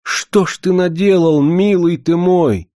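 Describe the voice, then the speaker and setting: A shy young village girl asks fearful questions in a raised, lively voice, performed by a man reading a story. The tone stays warm and mellow. The recording is close and dry. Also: low-pitched, a little slow, husky, no room sound, exaggerated voice. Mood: despairing. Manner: timid, anxious questions turning to cries.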